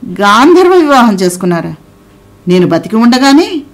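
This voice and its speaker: A woman voicing an angry, jealous young wife who fires off sharp, demanding questions, in an audio novel. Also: fairly high pitch, big pitch swings, normal speed.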